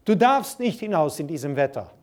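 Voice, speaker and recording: A man voicing a frantic mother who pleads loudly with her son, told inside a sermon story. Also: a little high, very animated, brisk. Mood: desperate pleading. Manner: loud pleading.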